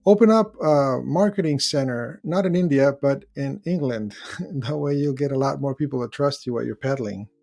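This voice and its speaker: A man with a mid-range, creaky, darkish voice speaks at a moderate pace while hosting a live call-in show. He chats casually and rambles, searching for words and reading out viewer comments, in the manner of a relaxed live stream.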